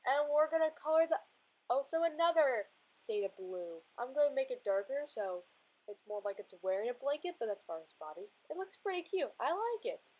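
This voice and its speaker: A woman's voice: sits high, low-quality recording. A young woman chatting casually as she draws in a sketchbook, giggling often and calling everything little and cute. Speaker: art vlogger. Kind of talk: casual drawing narration.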